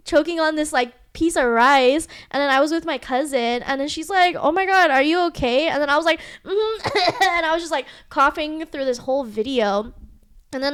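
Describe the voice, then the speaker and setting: Young woman podcast host, high voice, super clear, rambles with lots of likes. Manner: rambling storytelling, many fillers. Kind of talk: casual podcast chat.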